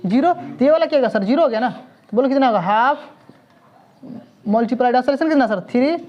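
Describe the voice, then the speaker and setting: A man's voice: very high-pitched, quick pace, darkish tone, dull audio. A man teaching physics to a classroom in Hindi mixed with English terms. He fires questions at the students, tacks "sir" onto almost every line and scolds them when they stall. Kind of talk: classroom lecture.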